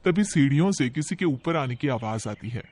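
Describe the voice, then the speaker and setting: A man giving scripted narration for a cartoon story in an even storytelling manner. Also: mid-range voice, normal speed, no room sound.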